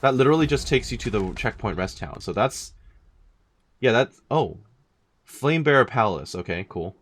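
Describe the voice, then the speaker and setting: A man's voice: mid-range voice, animated, moderate pace. A man commentating casually as he plays a game, thinking aloud in a dry way. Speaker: gaming let's-player.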